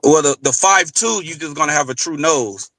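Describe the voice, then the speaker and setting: A man's voice: a little high, moderate pace, sharp tone, no room sound. A man co-hosting a casual football livestream, rambling through his points with fillers. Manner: rambling, lots of fillers and restarts. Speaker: co-host, football analyst.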